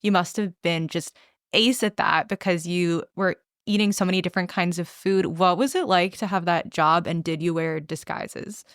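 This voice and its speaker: A woman's voice: fairly low pitch, steady tone, moderate pace, fairly bright tone, dry recording, studio quality. A woman host of a food podcast, asking eager, friendly questions. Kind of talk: podcast interviewing.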